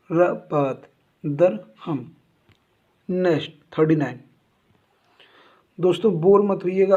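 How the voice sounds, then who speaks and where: A male teacher reciting a general knowledge lesson, saying each item twice like a memory drill. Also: high-pitched. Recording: tinny phone-like sound.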